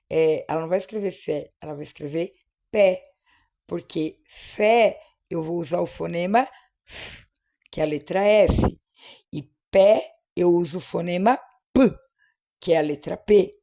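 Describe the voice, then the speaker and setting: A woman teacher patiently explaining literacy skills, stretching out example words slowly and checking in often. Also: on the low side, gravelly, dark tone.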